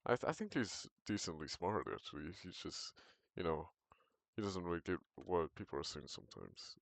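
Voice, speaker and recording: Teen boy with a very low, gravelly voice, loose rambling gamer chat, dry close sound. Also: expressive, moderate pace, no echo. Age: teens. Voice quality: very deep voice. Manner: rambling, hesitant, self-correcting. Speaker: gaming vlogger. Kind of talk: casual chat while gaming.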